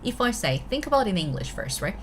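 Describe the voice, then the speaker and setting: Soft background music plays as this Korean woman runs a chatty live online language class, checking in with students frequently and moving between English and Korean. She speaks fairly quickly in a mid-range, sing-song voice with a Korean accent.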